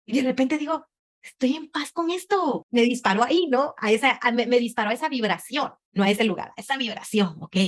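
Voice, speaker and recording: A woman's voice: fairly high pitch, fast, few pauses. A woman leading a group conversation, asking many rhetorical questions and acting out voices as she speaks. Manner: expressive, animated delivery. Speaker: conversation facilitator. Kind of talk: motivational talk to a group.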